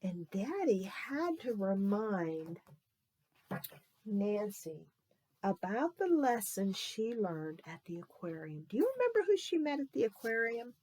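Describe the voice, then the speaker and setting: A woman telling a children's Bible story in an animated way, often stopping to ask the young listeners questions. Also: mid-range voice, unhurried, husky.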